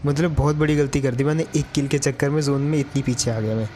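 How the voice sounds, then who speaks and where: A man's voice: mid-range voice, fairly even intonation, fast talker, darkish tone, a little hiss or hum. A man giving chatty gameplay commentary to his viewers, calling them brother. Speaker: gaming YouTuber.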